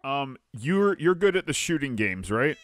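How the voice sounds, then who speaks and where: An excitable young man chatting over a game, his voice bright and sharp with lots of up-and-down movement. He teases and coaches his teammate, recorded close and dry on a headset. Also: medium pitch, a little slow, no room sound. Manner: excitable, teasing, big-brotherly coaching. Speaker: gaming video regular. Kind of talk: casual gaming banter.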